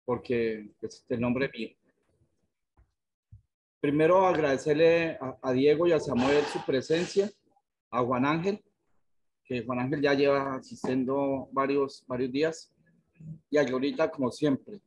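A man's voice: mid-range voice, a little slow, pauses often, a little mellow. A middle-aged man from Colombia giving a frank, earnest personal testimony on a video call. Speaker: director of a therapeutic community. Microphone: video call webcam.

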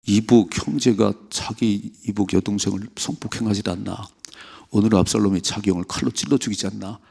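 A middle-aged man preaching an early-morning sermon with a gravelly, husky, fairly low voice. He is emphatic, acting out prayers and rebukes along the way. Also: darkish tone. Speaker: pastor.

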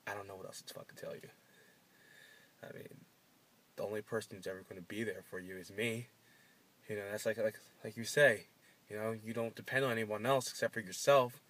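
A man playing a coaxing dark inner self. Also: fairly low pitch, steady tone, brisk, long pauses, close to an everyday voice. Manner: coaxing, insistent, drops to a murmur. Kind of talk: short film drama.

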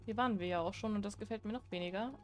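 A woman's voice: medium pitch, very fast, soft background music. A young woman chatting casually while she plays a horror game, joking and talking back to what happens on screen. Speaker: let's play gamer.

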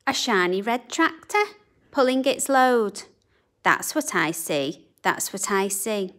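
A woman reading a children's picture book aloud in a slow, sing-song, expressive way. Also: medium pitch. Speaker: children's storybook reader. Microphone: camera above a book on a table.

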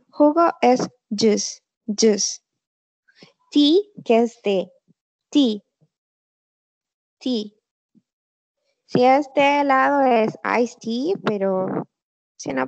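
A woman tutoring an online English class, explaining slowly and patiently with frequent fillers. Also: high-pitched, vocal fry, darkish tone. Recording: dull lo-fi online call audio.

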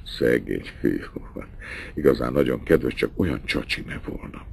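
A young countess, pious and torn, who drops into breathy, husky whispers, as a male reader plays her. The voice underneath is very low and gravelly, and it rises and falls widely. It is an audiobook reading. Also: animated, a little mellow, a little hiss or hum, heavily acted. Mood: mocking, playful. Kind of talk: audiobook dialogue.

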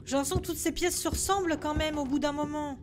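A young woman with a high voice narrates her horror game play into a headset. She is jumpy and exclamatory and talks to herself as she plays. Game music plays clearly behind her. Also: steady tone, quick pace. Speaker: gaming streamer. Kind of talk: casual live gameplay commentary.

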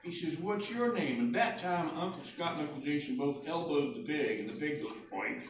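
A man's voice: on the high side, a little fast, a little hiss or hum. A man telling a folksy tale live, rambling and down-home with plenty of fillers. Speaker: storyteller. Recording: roomy live sound, distant mic, guitar behind.

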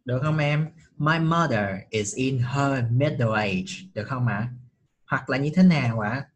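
Man, middle-aged, online english lesson, patient, husky, mid pitch. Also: a little slow. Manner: patient, checks often with rising questions. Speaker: English teacher.

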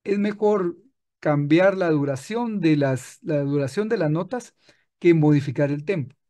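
A man teaching music software in a screen-recorded tutorial, patient and explaining step by step with frequent restarts. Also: a little high, unhurried.

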